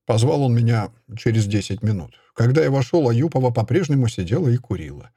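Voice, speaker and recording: A man narrates a literary audiobook in the first person, telling the story expressively. His voice is husky and dark, with a lively, wide-moving pitch. The recording is dry and close. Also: fairly quick, no echo. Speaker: audiobook reader.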